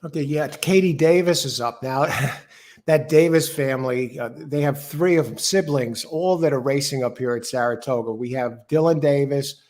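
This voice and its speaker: A man's voice: mid-range voice, moderate pace, a little mellow. A man hosting a casual live horse racing show, chatting through picks and greeting listeners. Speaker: host.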